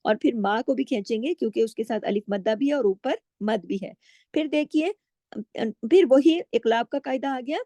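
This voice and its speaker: A woman teaching Quran recitation rules, reciting slowly and drawn out, then explaining step by step and asking her students questions. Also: fairly high pitch, dark tone, dry recording. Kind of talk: tajweed lesson with slow recitation.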